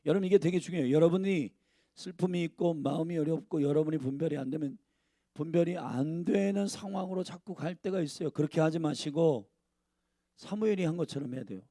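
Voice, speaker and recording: A man's voice: fairly high pitch, fairly quick, warm tone, no room sound, studio quality. A male pastor preaching a sermon, speaking emphatically and addressing the congregation directly.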